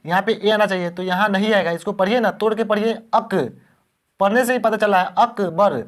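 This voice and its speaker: High-voiced man teaching spelling patiently. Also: fairly even intonation, fairly quick. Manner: patient, repeats words and asks questions. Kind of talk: spelling lesson for beginners.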